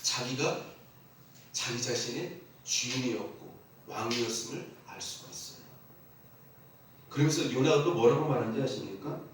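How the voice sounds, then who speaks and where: A man's voice: mid-range voice, moderate pace, slight background noise. A man preaching a sermon as pastor, asking the congregation emphatic questions and leading them in call-and-response repetition. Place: church sanctuary. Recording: very echoey church from a distant mic.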